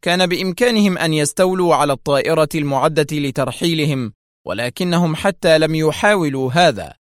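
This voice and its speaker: A man playing a stern male intelligence director in an audio story. His speech is tense and deliberate, firm and guarded, recorded dry with no room sound. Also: on the high side, no room sound, pitched above the performer's own voice, natural voice.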